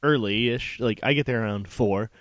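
A man's voice: lowish voice, normal speed, a bit bright, dry recording, clean studio sound. A young man hosting a podcast, telling a long story in casual chat, full of fillers. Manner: rambling storyteller, many fillers. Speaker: podcast co-host.

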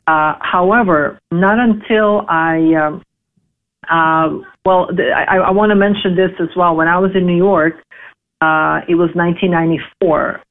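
Over a tinny phone line, a Serbian woman in her forties tells her life story in English during a casual interview. Her voice is fairly low-pitched and steady, and she speaks haltingly, with many fillers and restarts.

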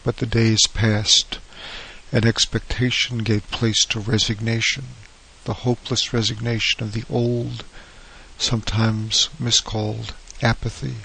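A man reading an old horror short story aloud as narrator, in a steady, even way. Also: lowish voice, a little slow, vocal fry, breathy edge, low-quality recording.

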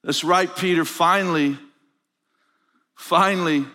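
A man's voice: high voice, fairly even intonation, takes it slowly, sharp tone, exaggerated voice. A man voicing a triumphant, commanding Jesus who proclaims boldly. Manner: proclaiming, ringing. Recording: reverberant conference hall.

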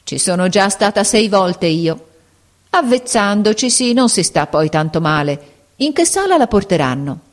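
A woman's voice: medium pitch, very animated, measured pace, pitched above the performer's own voice. A woman voicing a sinister, scornful middle-aged woman lying sick in a hospital bed, mocking and moaning in pain. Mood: sly.

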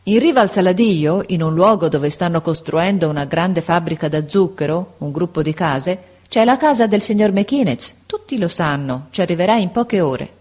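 A woman voicing a kindly shopkeeper who calms a distraught boy and gives directions. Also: lowish voice, moderate pace, hardly any pauses. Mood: reassuring. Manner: reassuring, matter-of-fact. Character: kindly middle-aged male shopkeeper with glasses.

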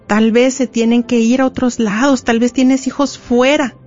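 A woman's voice: on the high side, steady tone, moderate pace, a little mellow. A woman preacher giving an emphatic sermon, speaking straight to the mothers in her audience. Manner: emphatic, addresses listeners directly. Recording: muffled lo-fi recording with faint music.

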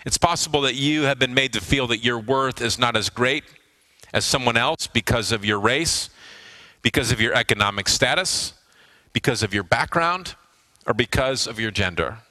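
A middle-aged man, a pastor, preaching a sermon to a congregation in a church, pausing for emphasis and dropping low on key words. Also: pushed and bright.

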